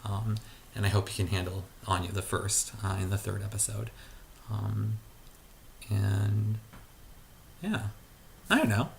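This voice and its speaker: A man's voice: lowish voice, measured pace, creaky, pauses often, a little hiss or hum. A man talking casually in his garage, rambling and hesitant, with many fillers and restarts. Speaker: vlogger. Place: garage at home.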